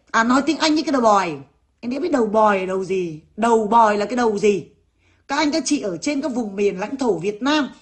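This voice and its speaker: A woman in her thirties from Vietnam, ranting bluntly to her viewers and swearing freely. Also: fairly high pitch. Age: 30s. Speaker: vlogger.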